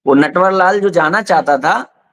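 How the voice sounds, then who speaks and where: A man with a high-pitched voice hosts the conversation. He tells an anecdote in a relaxed, measured, conversational manner. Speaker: host. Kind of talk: conversational storytelling.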